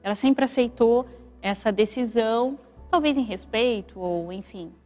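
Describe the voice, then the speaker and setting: A woman co-hosting a radio talk, speaking in a relaxed, conversational way and drawing on examples from her own family. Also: a little high, unhurried, in a large hall, faint music behind. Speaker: radio co-host and mother.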